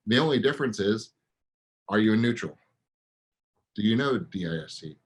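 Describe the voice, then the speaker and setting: A man co-hosting a real estate coaching podcast, pressing listeners with punchy, rapid-fire rhetorical questions. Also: on the low side, expressive, husky, rough recording.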